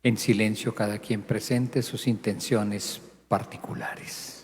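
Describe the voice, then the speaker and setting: A man presides over a funeral mass, intoning the prayers slowly and solemnly. His voice rolls out into a long cathedral echo. A faint hiss sits under the recording. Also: on the low side, steady tone, a little mellow. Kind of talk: liturgical prayer. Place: large church.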